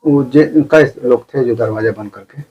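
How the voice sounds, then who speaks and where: A man's voice: mid-range voice, moderate pace, slightly rough, muffled recording. A man reporting in the field, asking brief, probing questions.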